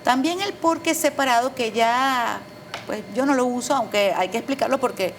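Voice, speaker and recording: A middle-aged woman with a fairly high voice patiently lays out grammar rules, giving example sentences as she goes. Her speech is measured and instructive, over a faint hiss of background noise. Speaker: Spanish teacher and proofreader, guest. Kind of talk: explanatory interview talk.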